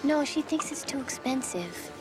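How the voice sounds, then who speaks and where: An actress playing a kind, helpful woman working as a shop clerk, speaking gently and naturally in a screen drama. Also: high voice, expressive, moderate pace, music in the background, poor audio. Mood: businesslike. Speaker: shop assistant.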